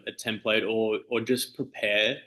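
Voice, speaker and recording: Over poor audio, an Australian DJ speaks a little slowly in a fairly low, level voice with a sharp tone. As a guest in a casual interview, he keeps his phrasing loose and easygoing, full of fillers like "you know" and "like".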